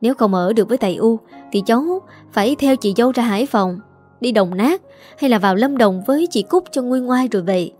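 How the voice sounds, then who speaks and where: A woman as a gentle, sorrowful aunt. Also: mid-range voice, brisk, soft background music, natural voice. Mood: urgent. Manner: soothing, urgent.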